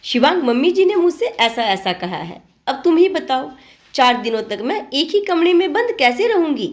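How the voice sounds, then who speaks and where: Lady voicing a young bride arguing her point, clear and questioning, high voice. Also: very animated, normal speed. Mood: worried. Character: young, outspoken, reasoning daughter-in-law.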